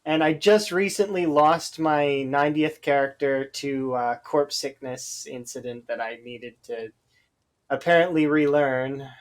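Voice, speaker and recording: A man's voice: a little high, unhurried. A Canadian man chatting casually while streaming a game, rambling with lots of hesitant fillers. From Alberta, Canada.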